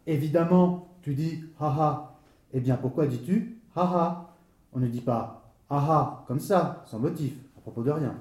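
A man's voice: on the high side, measured pace, a little mellow, echoey room, close to an everyday voice. A man playing a talkative man who tells a comic misadventure with theatrical, wordy flair and is easily flustered. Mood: peeved. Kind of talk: stage comedy dialogue.

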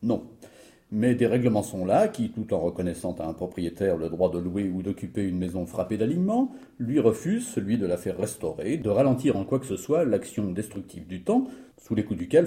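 An actor playing an ironic, knowing friend who lectures pedantically on the rules. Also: male voice, fairly low pitch, big pitch swings, fairly quick, dark tone. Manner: pedantic, teasing.

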